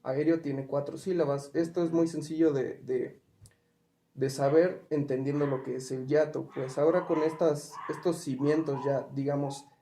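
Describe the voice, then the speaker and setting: A man's voice: fairly high pitch, steady tone, normal speed, dark tone, slight background noise. A man teaching spelling rules step by step, asking questions and working through examples. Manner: asks questions and gives examples. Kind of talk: patient step-by-step explanation. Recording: roomy echo.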